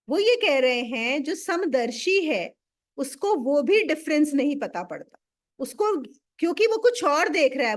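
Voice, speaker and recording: A woman teaching a spiritual text in a conversational, explanatory way, telling stories and mixing in English words. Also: sits high. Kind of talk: conversational scripture discourse.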